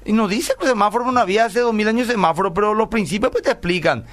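A man's voice: high-pitched, fast, a bit bright. Middle-aged man, radio pastor answering listeners, slightly raised voice, earnest storyteller. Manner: earnest storytelling, often asks "¿verdad?". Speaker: pastor and radio program host. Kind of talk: radio call-in talk, answering listener messages.

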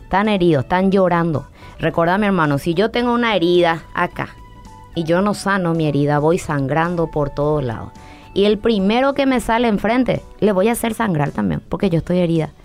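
A woman's voice: on the low side, darkish tone. A woman psychologist as a guest on a church-interview. She speaks earnestly and preaches, and she keeps calling the listener her brother. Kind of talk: interview on faith and parenting.

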